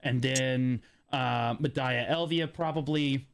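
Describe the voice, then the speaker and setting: A man's voice: mid-range voice, steady tone, slow pace, clean tone. A man hosting a casual gaming podcast, rambling and swearing freely with lots of fillers. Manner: rambling, loose and profane, many fillers. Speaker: podcast host.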